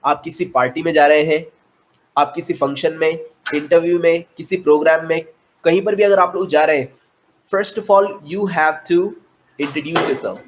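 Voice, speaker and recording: A man from India gives a classroom lecture on spoken English. His voice sits fairly high. He explains in Hindi, drops in English phrases and slows down to spell out letters one by one. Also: steady tone.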